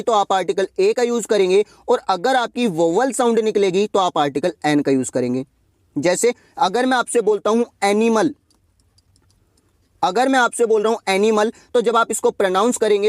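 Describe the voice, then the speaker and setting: A man's voice: high-pitched, a little mellow, no room sound, studio quality. A man teaching an exam-prep grammar lesson, explaining step by step and asking rhetorical questions.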